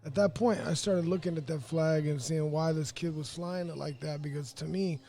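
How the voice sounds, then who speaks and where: In a laid-back podcast interview, a young man from Pine Hills, Florida, talks openly as the guest, wandering off-track with lots of fillers. He speaks at normal speed in a mellow, slightly high voice.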